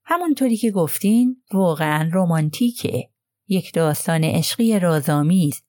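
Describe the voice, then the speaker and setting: A woman voicing a gentle male detective who murmurs his questions softly. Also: lowish voice, animated, no room sound, clean studio sound, natural voice.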